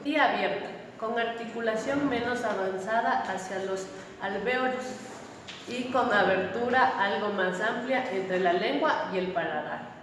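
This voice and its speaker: A woman teaching a pronunciation lesson, explaining slowly with pauses and fillers. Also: mid-range voice, background noise. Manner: slow, deliberate, with pauses and fillers. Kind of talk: phonetics lesson. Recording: echoey hall, voice from a distance.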